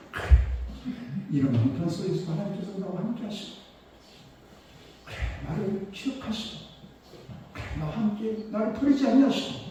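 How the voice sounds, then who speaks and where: An older male pastor preaching a sermon, telling a personal story with emotion, swinging from hushed tones to loud exclamations. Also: high-pitched, a little hiss or hum. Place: church sanctuary. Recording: echoey church hall, mic at a distance.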